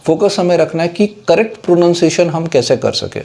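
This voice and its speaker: An English teacher with an Indian English accent gives a casual whiteboard lesson on English words, explaining steadily in Hindi mixed with English terms and checking that students understand. His voice is a little high and dark-toned with vocal fry, lively in intonation and a bit fast.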